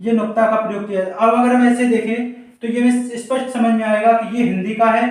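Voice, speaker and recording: A male Hindi teacher giving a board lesson for exam students, asking rhetorical questions and repeating example words slowly. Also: very high voice, steady tone, a little mellow. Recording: very echoey room, mic far off.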